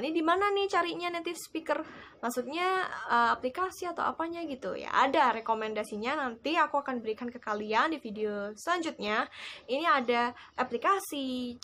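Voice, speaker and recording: A young woman casually talking viewers through tips in a vlog, chatty and often calling them guys. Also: a little high. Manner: chatty, addresses viewers as guys, lively emphasis. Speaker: vlogger teaching English tips. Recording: faint background noise.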